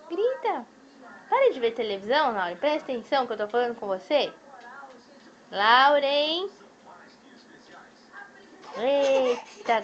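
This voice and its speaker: A woman's voice: fairly high pitch, a little hiss or hum. Brazilian woman in sing-song baby talk. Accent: Brazilian Portuguese. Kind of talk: home video, talking to a baby and a dog. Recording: dull lo-fi home video recording.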